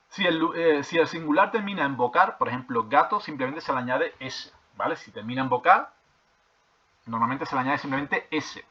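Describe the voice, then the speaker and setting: A man's voice: on the high side, pushed and bright. Man teaching a grammar lesson. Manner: repeats points, checks with frequent "¿vale?" and "¿de acuerdo?"; hesitant with fillers and restarts while reading from a textbook. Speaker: primary school teacher. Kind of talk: classroom explanation of grammar. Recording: slightly dull lo-fi recording.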